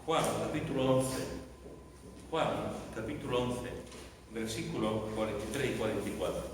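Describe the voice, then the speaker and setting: A male pastor preaches in a big echoing church hall, caught by a mic set well away him. He repeats his lines and bursts into loud cries for emphasis. Faint room noise hangs behind the long reverb. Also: fairly low pitch, moderate pace. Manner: dramatic, repeating phrases, shouting for emphasis. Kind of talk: sermon. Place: large echoey church hall. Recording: echoey hall recorded from far off.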